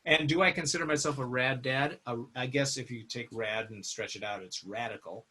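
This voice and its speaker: A man's voice: medium pitch, a little fast, pushed and bright, husky. A middle-aged man chatting casually as a podcast guest, rambling and laughing often. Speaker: guest musician. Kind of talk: casual interview chat.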